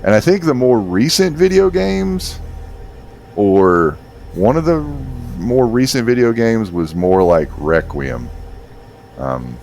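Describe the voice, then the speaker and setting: A man's voice: lowish voice, animated, takes it slowly, vocal fry, a little mellow, a little hiss or hum. A man in his thirties rambling casually as he streams a game, with lots of fillers and the odd swear. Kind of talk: casual gameplay commentary.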